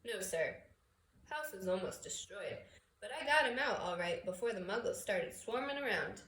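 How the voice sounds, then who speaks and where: A woman's voice: mid-range voice, lively intonation, normal speed, a bit bright, recorded from a distance, lightly acted. A woman voicing a giant, humble and tender-hearted wild man with a folksy way of talking in a storybook reading. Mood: respectful. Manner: folksy, stammering when upset. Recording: echoey room with background noise.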